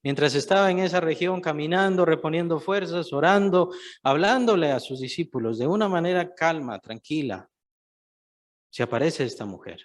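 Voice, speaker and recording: A man's voice: a little high, moderate pace. A man preaching a sermon, stressing points by repeating phrases and putting questions to the listeners.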